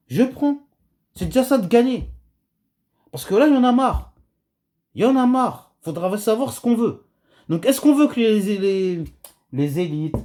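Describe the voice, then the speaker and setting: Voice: mid-range voice, warm tone. A video commentator delivering a heated rant to camera, agitated and emphatic, with many hesitations and restarts.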